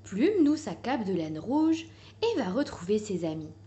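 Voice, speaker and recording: A woman reading a children's picture book aloud in a gentle, expressive way. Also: mid-range voice, unhurried, dull audio. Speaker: storyteller.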